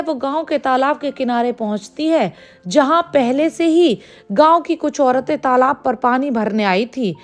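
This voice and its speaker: A woman narrating a moral folk tale in an expressive, dramatic scripted style. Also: sits high. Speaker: storyteller.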